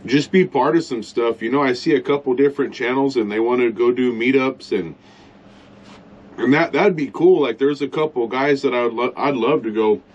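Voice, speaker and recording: Man, casual rambling vlogger, blunt opinions, mid pitch, muffled lo-fi sound. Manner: rambling, blunt, eating while talking. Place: inside a truck at a campsite.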